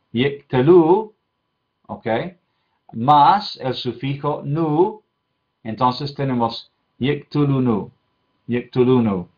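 A man's voice: mid-range voice, highs cut off. A male Bible institute teacher giving a patient lecture on biblical Hebrew, repeating word forms, checking in with his students and correcting his own slips aloud.

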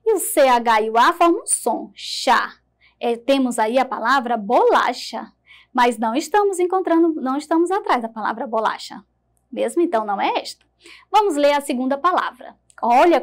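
Woman, high voice, from Brazil, teacher, slow syllable-by-syllable phonics, encouraging tone. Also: expressive. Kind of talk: early-grade lesson for young children.

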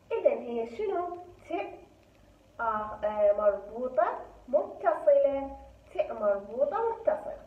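A woman with an Iraqi Arabic accent teaching a primary school spelling lesson. She speaks patiently, repeating words slowly and stressing each letter sound. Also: high voice. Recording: echoey room, tinny phone-like sound.

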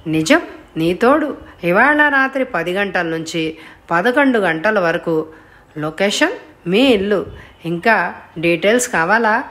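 A woman reading an audiobook voices a calm, taunting young male blackmailer on the phone. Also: mid-range voice. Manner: calm, unhurried and mocking. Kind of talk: audiobook character voice.

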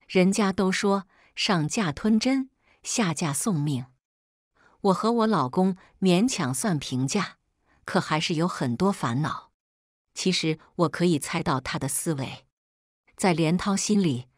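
Low-voiced woman telling a story. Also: no echo, clean studio sound. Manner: conversational, exasperated storytelling. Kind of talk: first-person story narration.

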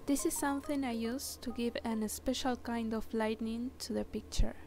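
With music underneath, a tutorial maker voices over a screen recording of software, explaining it step by step in a slow, careful manner with hesitant fillers. She is a woman with a Spanish accent, Spanish being her first language, and her voice is a little high with fairly even intonation.

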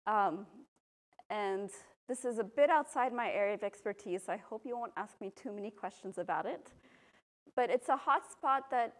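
A volcanologist from Belgium giving a public talk, a woman explaining at a podium microphone in a university lecture room, relaxed, with frequent ums. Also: medium pitch, moderate pace. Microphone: podium microphone, filmed from a far camera.

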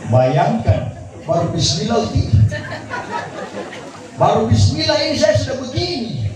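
A man's voice: extremely high pitch, measured pace. A man with a Gorontalo accent preaching a humorous sermon to an audience, joking and breaking into chanted Quran recitation. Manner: jokey, animated, chanting recitation in between. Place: large tent venue with audience. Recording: echoey, distant crowd recording.

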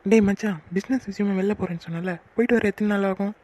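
Voice actor doing cheeky cartoon dude, wheedling, mid voice, quick talker. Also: mid-range voice, fairly even intonation, darkish tone, lightly acted. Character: cheeky young male friend. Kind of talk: cartoon voice acting.

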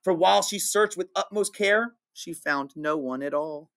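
Expressive man reading a picture book aloud. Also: on the high side, normal speed, gravelly. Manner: expressive, sing-song rhyming delivery. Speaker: teacher.

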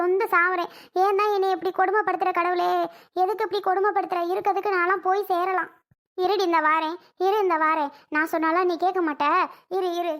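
A woman's voice: very high-pitched, fairly bright tone. A woman playing a fretful old mother who pleads with and scolds her daughter, and laments to god. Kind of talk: family skit acting.

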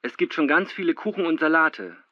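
Man as informal caller, friendly, slightly high voice, muffled dry recording. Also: big pitch swings, fairly quick, no echo. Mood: friendly, casual. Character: casual, friendly male party host leaving message. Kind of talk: scripted phone message, informal. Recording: dull, dry phone-message sound.

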